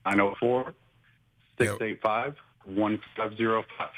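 A man co-hosting a radio show by phone, talking in a relaxed, halting way while the line keeps cutting out. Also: on the low side. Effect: choppy phone line, words cutting out. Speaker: radio co-host. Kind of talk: casual radio talk. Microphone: phoning in.

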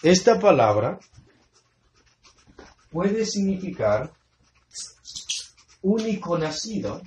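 Preacher, male, slightly high voice, emphatic teacher who repeats key words, recorded in a roomy hall. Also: sing-song, slow, a little mellow, dull audio, slight background noise. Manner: quizzes listeners with fill-in-the-blank questions. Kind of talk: Bible study sermon. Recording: echoey room sound.

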